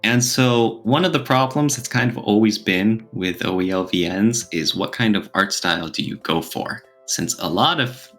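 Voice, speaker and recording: A man co-hosts a casual podcast discussion, explaining his points and asking questions as he goes. His voice is on the low side and a bit bright, at a moderate pace with hardly any pauses. Background music plays behind him.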